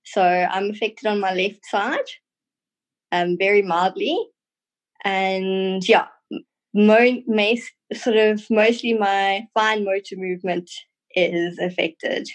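A thirty-year-old woman with a South African accent, a trained tour guide appearing as a podcast guest, answers interview questions casually and a bit hesitantly. Her mid-range voice has fairly even intonation, and she takes it slowly.

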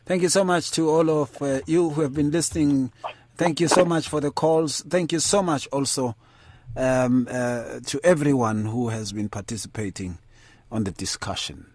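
A man's voice: medium pitch, moderate pace, a little mellow, no echo. A man with a South African accent hosting a casual talk show, switching between English and a Nguni language. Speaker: radio host.

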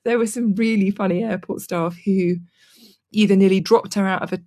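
A woman's voice: mid-range voice, steady tone, moderate pace, dark tone. A woman speaking candidly and thoughtfully about a close friend in a reflective conversation. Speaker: interviewee.

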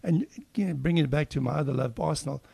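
Male co-host, creaky voice, dry close sound, casual opinionated discussion. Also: on the high side, quick pace, dark tone, dry recording.

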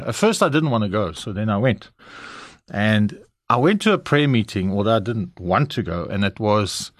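A lowish-voiced middle-aged South African man, speaking with a South African English accent, tells his personal testimony openly and frankly as an interview guest. The recording is dry and of studio quality.

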